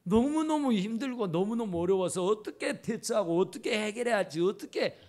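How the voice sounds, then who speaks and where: A man's voice: sits high, expressive, brisk, a little mellow. A man preaching a sermon as pastor in a church, impassioned and repeating his phrases for emphasis. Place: church sanctuary. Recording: church camera recording.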